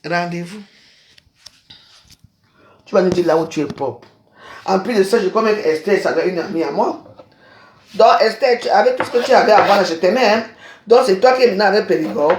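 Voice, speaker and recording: A woman in her fifties from Cameroon, delivering a scolding, accusatory rant to camera that swings between shouting and quiet muttering. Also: medium pitch, normal speed, pauses often, a little hiss or hum. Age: 50s. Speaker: social media vlogger. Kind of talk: angry personal rant to camera. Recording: echoey room.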